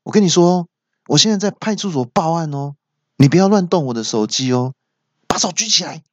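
A man voicing an angry, panicky young woman accusing someone of stealing her phone, in a shrill, accusing way. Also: very animated, unhurried, dry recording, dull audio. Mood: indignant.

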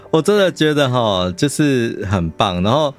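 A man's voice: mid-range voice, lively intonation, normal speed, faint music behind. A man with a Taiwanese Mandarin accent chatting casually and expressively as a co-host of a book show. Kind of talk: casual chat about books.

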